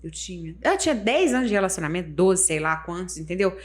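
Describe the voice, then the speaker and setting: A woman in her thirties, a mother, chatting casually on a podcast in a confiding way, with soft asides. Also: lowish voice, animated, fast. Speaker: podcast guest, mother of one. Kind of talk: casual chat.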